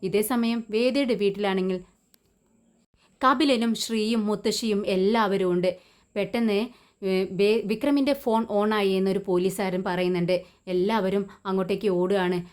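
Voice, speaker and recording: A woman's voice: medium pitch, fairly even intonation, normal speed, darkish tone. A woman retelling the story of a TV serial in casual narration, often restarting words.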